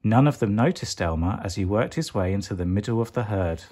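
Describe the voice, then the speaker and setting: Reading a picture book to a child at bedtime, a man speaks in a fairly low, animated voice with a dark tone. He is deliberate and expressive, stretching out the words that matter most.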